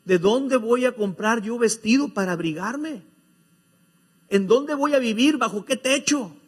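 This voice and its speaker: A man doing a soft, worried young son. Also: very high-pitched, measured pace, pitched above the performer's own voice.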